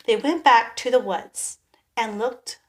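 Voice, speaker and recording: Woman, children's story reader, gentle and slow, softly chatty asides. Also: on the high side. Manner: gentle, with soft sympathetic asides. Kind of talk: reading a picture book aloud to kids.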